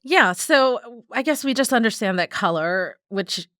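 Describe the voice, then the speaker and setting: A woman's voice: on the high side, animated, measured pace, fairly bright tone, dry recording, studio quality. A woman reporter explains a science story in a casual, hedging, explanatory way.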